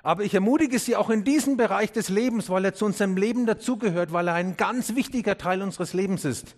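Earnest higher-voiced male preacher. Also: fast talker. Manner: earnest, questioning, addresses congregation directly; drops low and quiet on key words, rises when urging. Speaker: pastor. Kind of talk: sermon.

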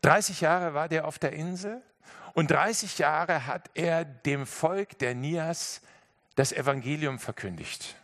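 A man preaching a sermon, telling a story in an emphatic, lively way and speaking directly to his listeners. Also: fairly high pitch, measured pace.

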